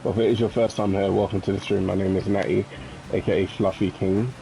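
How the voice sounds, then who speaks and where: A man chats through live gameplay as a variety streamer and reacts aloud to the game. His voice is gravelly and dark, set a little low. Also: level tone, fast, a little hiss or hum, low-quality recording. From London.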